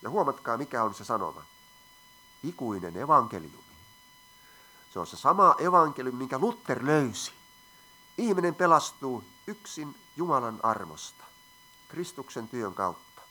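A man's voice: mid-range voice, very animated, long pauses, bright, forceful tone. A man preaching a sermon, reading scripture aloud and asking the congregation questions. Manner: asks the audience questions, reads scripture aloud.

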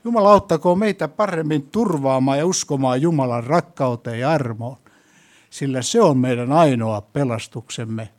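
Male preacher, church sermon, quizzes the congregation, mid-pitched voice, swells to loud emphatic peaks. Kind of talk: sermon and prayer.

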